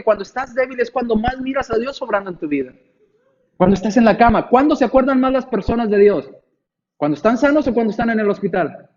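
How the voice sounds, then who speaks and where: A man in his forties preaching a sermon in an expressive way, acting out frightened voices in his stories. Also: high voice, dull audio. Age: 40s. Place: church.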